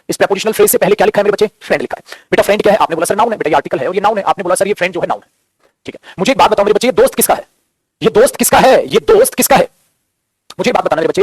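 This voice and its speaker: Male grammar teacher, high husky voice, rapid-fire classroom delivery, fatherly and scolding. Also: no echo. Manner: scolding, fatherly, keeps calling students "beta".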